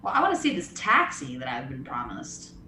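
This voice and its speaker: A woman playing a tabletop game, talking others into plans in a lively way. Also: rumbling low, fairly quick, noisy background. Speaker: player. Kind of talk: casual tabletop role-play. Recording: echoey room, clear background music.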